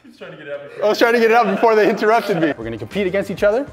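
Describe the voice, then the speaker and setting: A young man and regular host, bantering playfully and laughing easily during silly games. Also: high-pitched. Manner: playful, excitable, quick to laugh. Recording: reverberant room with loud music over it. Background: loud background music.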